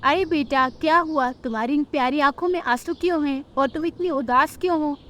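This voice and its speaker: A woman voicing a kind male uncle bird in a cartoon, speaking in a warm, reassuring way. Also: high-pitched, brisk, a little hiss or hum.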